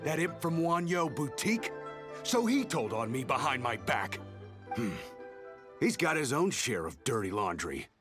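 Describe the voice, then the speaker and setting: A shifty, stammering merchant. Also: male voice, medium pitch, very animated, measured pace, music in the background. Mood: rattled. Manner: stammering, defensive. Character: nervous, shifty middle-aged male merchant.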